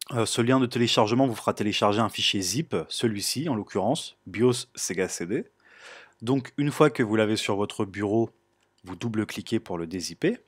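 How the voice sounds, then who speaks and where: Homme à la voix grave et voilée. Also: male voice, lowish voice, slightly rough, dry recording, studio quality. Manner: relaxed, explanatory, frequent "euh" fillers. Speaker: tutorial host. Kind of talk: screen-recorded tech tutorial.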